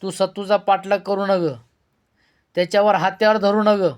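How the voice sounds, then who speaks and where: A grave, reproachful village mother from a storybook, read by a male narrator. She speaks in a fairly high voice kept close to the reader's own, with a steady, weighty tone. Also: normal speed, smooth, natural voice. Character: stern older village mother, woman.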